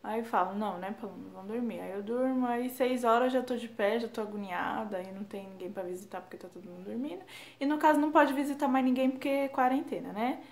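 Young female vlogger from Brazil, casual self-deprecating chat, slightly high voice, echoey home room. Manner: chatty, self-deprecating, quick asides.

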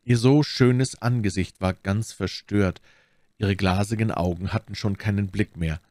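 A man narrating a classic novel as an audiobook, measured and expressive. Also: on the low side, no room sound. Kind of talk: dramatic audiobook reading.

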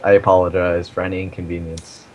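A man's voice: sits low, flat delivery, fast, noisy background. A man chatting casually during an online drawing game with a dry, mock-formal manner, heard through a built-in laptop microphone.

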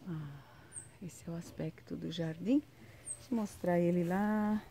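A woman walks viewers through her sunny garden in a relaxed, chatty vlog. Her voice sits a little low and sounds mellow and warm. She keeps pointing things out as she films on a handheld phone outdoors. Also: unhurried, slight background noise. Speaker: vlogger, home gardener. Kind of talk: casual garden tour vlog. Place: outdoor home garden in sun.

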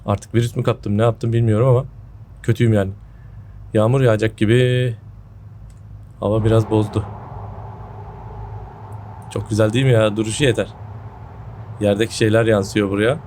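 A man's voice: on the low side, steady tone, normal speed, pauses often, a little mellow. A man gives casual gameplay commentary indoors on a headset mic, his voice a little off from a sore throat. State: sick with a sore throat, voice a bit off. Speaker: gaming video host. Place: indoor room at home.

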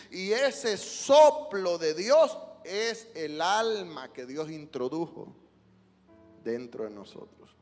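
A male pastor preaching an emotional sermon in a church, swinging from hushed lines to loud cries. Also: a little high, big-room sound. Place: church sanctuary.

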